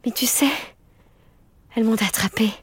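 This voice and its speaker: A woman voicing a frightened, withdrawn little girl who speaks in a breathy hush. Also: fairly high pitch, fairly even intonation, moderate pace, loud music behind the voice, pitched above the performer's own voice, natural voice. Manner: breathy, hushed.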